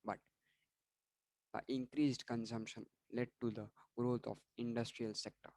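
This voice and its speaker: A man's voice: medium pitch, little pitch movement, a little slow, a little mellow, dry recording, poor audio. A man going through exam questions and answers for students in an online revision lesson, often restarting words and apologizing for slips. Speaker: online tutor.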